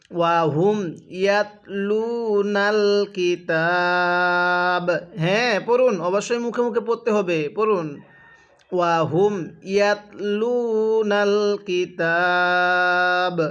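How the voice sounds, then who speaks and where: A man with a Bangladeshi Bengali accent teaching Quran reading, drawing out each word slowly and asking students to repeat after him. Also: high voice, highs cut off. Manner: slow, drawn-out syllable-by-syllable recitation for students to repeat. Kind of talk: recitation lesson.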